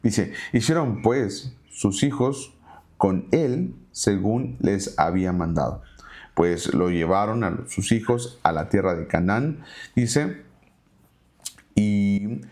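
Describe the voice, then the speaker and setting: A deep, darkish-toned male voice teaches a Bible study, first reading the verses out and then retelling them in relaxed everyday speech.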